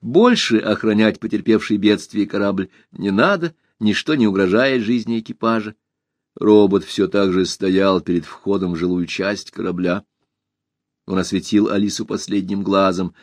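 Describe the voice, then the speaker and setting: A man narrating a children's storybook in a calm, even reading voice. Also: on the low side, moderate pace, no room sound.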